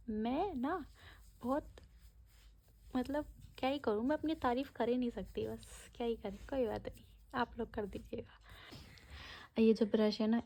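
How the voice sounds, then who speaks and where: Husky, whispering woman vlogger. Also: medium pitch, rough recording. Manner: whispery, quiet and explanatory. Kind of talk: hushed vlog narration.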